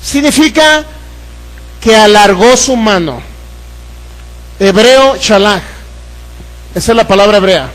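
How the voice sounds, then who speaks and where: A man's voice: high-pitched, expressive, slow pace, long pauses, fairly bright tone, low-quality recording. A man with a Mexican Spanish accent preaching a sermon, putting questions to the congregation and acting out Bible scenes. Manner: acts out voices from the Bible story. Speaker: pastor.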